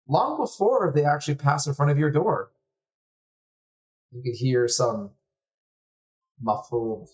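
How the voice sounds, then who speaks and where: A man narrating a tabletop game as game master in a relaxed, descriptive way with casual fillers. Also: medium pitch.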